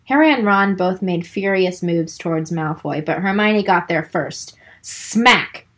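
A woman's voice: lowish voice, unhurried, a bit bright. A woman co-hosting a casual book podcast, reading narration aloud and cracking wry, profane asides. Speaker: podcast co-host.

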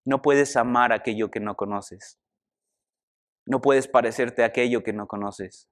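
A young man with a medium-pitched, unhurried voice preaches a conversational sermon. He's animated and keeps putting questions to the congregation.

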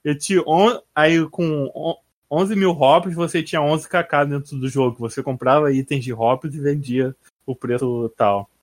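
A man's voice: a little high, fairly even intonation, measured pace, dry recording. Laid-back Brazilian man, very dry sound. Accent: Brazilian Portuguese. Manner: laid-back storyteller, laughs often. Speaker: podcast co-host. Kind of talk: casual gaming podcast chat.

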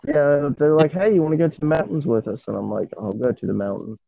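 A man's voice: fairly high pitch, fast talker, vocal fry, no room sound. A man co-hosting a casual podcast, talking in a laid-back, rambling way from a small metal shed over a muffled call with a bad connection. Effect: muffled, tinny call over a bad connection. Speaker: podcast co-host. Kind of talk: casual chat. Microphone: phone or internet call. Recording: narrow phone-like line, dry.

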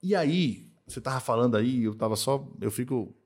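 A man talking in a relaxed podcast chat, in a mid-pitched voice. He is emphatic and circles back on his points. He keeps checking in with his listener. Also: normal speed. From Northeast Brazil. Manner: emphatic, repeats himself, tag questions "tá?" and "né?". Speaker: accounting firm owner, podcast guest. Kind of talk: casual podcast conversation.

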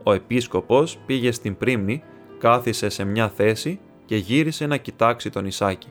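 A man narrating a classic short story in a calm, even reading voice, with faint music behind. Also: mid-range voice. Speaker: audiobook narrator.

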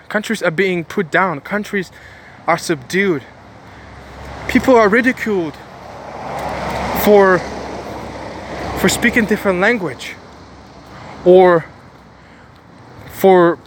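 A man's voice: high voice, takes it slowly, long pauses, fairly bright tone, a little hiss or hum. A man giving a preachy motivational monologue, stressing points by repeating phrases and often restarting his sentences. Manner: rambling with frequent restarts.

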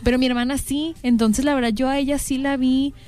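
A woman's voice: high voice, fairly even intonation, a little fast, a little mellow. A young woman with a Mexican accent, co-hosting a casual panel chat and thinking aloud with frequent fillers. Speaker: podcast co-host.

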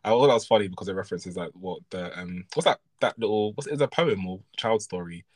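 A man's voice: deep voice, fast talker, a little mellow. A man co-hosting a podcast in casual chat, rambling and correcting himself with frequent chuckles. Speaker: podcast co-host.

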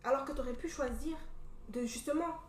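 A young woman from Cameroon telling a story in casual chat, animated and full of fillers. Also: sits high, fairly quick. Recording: echoey room from a distance.

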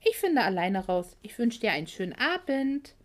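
A woman's voice: medium pitch, very animated, normal speed, lightly acted. A woman voicing a caring, cheerful young female friend in a storybook reading, upbeat and reassuring.

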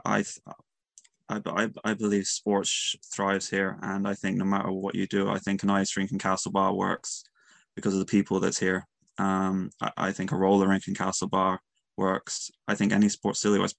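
A man from County Mayo with a west of Ireland accent, giving casual interview answers in an earnest, halting way that repeats words. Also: low-pitched, creaky, fairly bright tone, no room sound. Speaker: youth sports coach and player.

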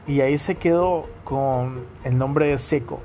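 A man's voice: medium pitch, a little slow, warm tone. Young male podcaster with a Guayaquil accent, casual and chatty, music faintly underneath. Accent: Guayaquil coastal Ecuadorian. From Guayaquil, Ecuador. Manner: chatty, repeats ¿me entienden?. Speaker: podcast host.

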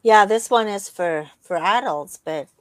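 A woman's voice: mid-range voice, measured pace, no echo. Casting: middle-aged woman, chatty co-host going over plans, dry recording. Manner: chatty, runs through event schedules. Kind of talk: casual chat.

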